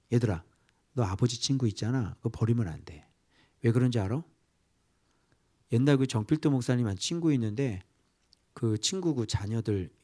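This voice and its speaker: A male pastor preaching a sermon, quizzing his listeners and dropping now and then into whispered asides. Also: fairly low pitch. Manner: animated, asking the congregation questions, dropping to whispered asides.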